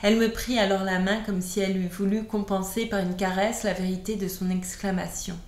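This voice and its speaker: A woman reading a classic novel aloud in a measured, even storytelling voice. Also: mid-range voice. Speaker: audiobook reader. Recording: roomy echo.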